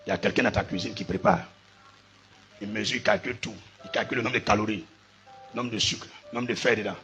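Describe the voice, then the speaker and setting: A man's voice: on the low side, steady tone, quick pace, fairly bright tone, faint music behind. A man with an Ivorian French accent preaching a sermon, spelling out words letter by letter and asking his listeners if they follow. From Côte d'Ivoire. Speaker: pastor.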